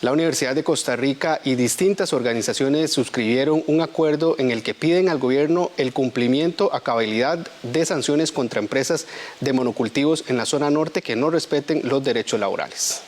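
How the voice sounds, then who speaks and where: A man's voice: mid-range voice, brisk, a little mellow, a little hiss or hum. A man presenting the news, formal, with occasional hesitant fillers. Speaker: news anchor.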